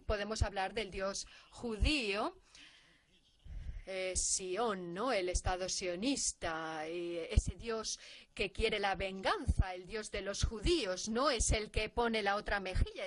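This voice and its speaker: A woman's voice: medium pitch, dry recording. A woman interpreting a lecture, in an earnest, emphatic way with rhetorical questions.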